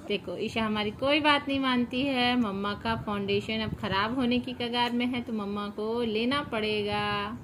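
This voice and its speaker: A woman's voice: on the high side, steady tone, measured pace, few pauses, noisy background. A woman, a mother in a home video, coaxing her small daughter with repeated sweet pleas and teasing warnings. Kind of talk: family vlog, coaxing a small child.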